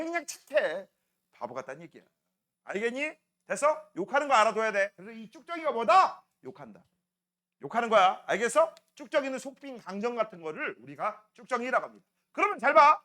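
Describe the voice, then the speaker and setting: Middle-aged guy teaching science class, high bright voice, swoops all over, keeps quizzing the kids then answering himself. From Korea. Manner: chatty, asks students quick questions and answers them himself; acts out playful voices in jokes. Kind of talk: classroom lecture.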